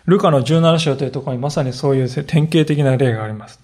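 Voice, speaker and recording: A man preaching a sermon as a pastor, telling the story with earnest, animated delivery. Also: mid-range voice, quick pace.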